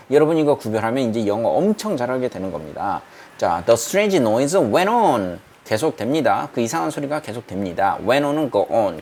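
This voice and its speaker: A man giving a university English reading lesson in a small room that is not a studio. He reads English sentences slowly, then explains them in Korean and asks the class questions. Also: medium pitch. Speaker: English lecturer.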